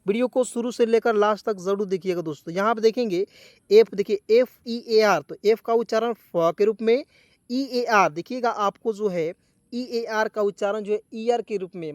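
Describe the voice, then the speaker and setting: A man's voice: sits high, no echo, clean studio sound. A man teaching English spelling and pronunciation, spelling words letter by letter and asking viewers to repeat. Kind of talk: Hindi-language spelling lesson.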